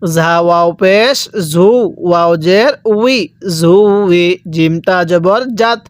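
A man with a Bangladeshi Bengali accent teaching Quran reading. He spells out each letter and vowel mark, then says the word slowly and repeats it. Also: high-pitched, smooth, no echo, studio quality. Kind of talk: drilled recitation lesson.

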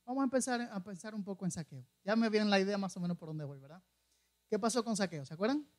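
A man's voice: high-pitched, expressive, fast talker, darkish tone. A man preaching a conversational sermon, often asking the congregation questions and retelling scripture stories with acted-out quotes. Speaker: pastor.

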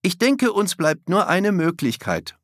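A man's voice: high-pitched, sing-song, a little slow, no room sound, studio quality, voice pushed up. A man voicing a thoughtful boy who talks like a police inspector in an audiobook. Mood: decisive. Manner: earnest, decisive.

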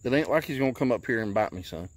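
A man, chatting casually while fishing from an outdoor lake dock, recorded on a handheld phone and often talking low and hushed. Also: expressive, very fast, no echo. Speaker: fishing vlogger. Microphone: handheld phone camera.

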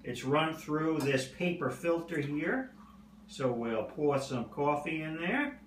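A man's voice: fairly high pitch, slow pace. Older man chatting in an echoey kitchen. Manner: relaxed, chatty, frequent "uh" fillers. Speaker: pipe-smoking home cooking vlogger. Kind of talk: casual home cooking demonstration. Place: home kitchen, indoors. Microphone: phone or camera on the table. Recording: roomy kitchen echo, faint background hum.

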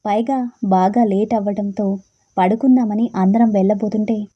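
A woman narrating a first-person romantic story in a soft, subdued way. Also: medium pitch, fairly even intonation, moderate pace, lo-fi sound.

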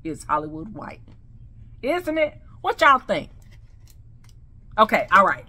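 A woman with a slight lisp, speaking with new veneers in an excited, gushing casual vlog to her viewers. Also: mid-range voice, takes it slowly. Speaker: vlogger. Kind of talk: casual product review vlog.

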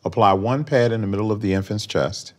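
A man narrating a scripted training lesson in a measured, explanatory way. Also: on the low side. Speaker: instructional narrator.

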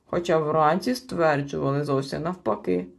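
A woman voicing a clever, haughty male storybook creature who speaks smugly and argues his case, lower than her narration. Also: moderate pace, vocal fry.

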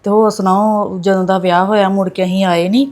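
A woman's voice: mid-range voice, level tone, a little fast, over music, close to an everyday voice. A woman playing a married daughter chatting with her mother on the phone. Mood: chatty. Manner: chatty, gossipy.

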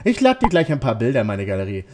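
A man's voice: mid-range voice, wildly swooping pitch, fast, a little hiss or hum. A man putting on a shy young ghost-hunter woman. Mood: friendly. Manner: gentle softened feminine lilt. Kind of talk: reading game dialogue aloud.

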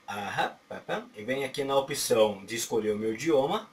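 Sitting at his desk in a small home office, this animated, medium-pitched Brazilian man in middle age hosts a casual how-to on setting up a phone, speaking with a Brazilian Portuguese accent. His style wanders, peppered with "right?", "certo?" and sounds like "pá, pá". A distant webcam mic catches him along with faint room noise.

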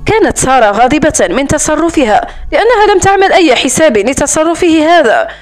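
A woman narrating a romance novel as an audiobook, reading in a steady storytelling manner. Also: high voice, fairly quick, soft background music.

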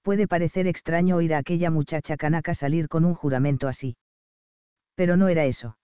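A man narrating an audiobook in a measured, expressive storytelling manner. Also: a little high, smooth, no room sound, lo-fi sound.

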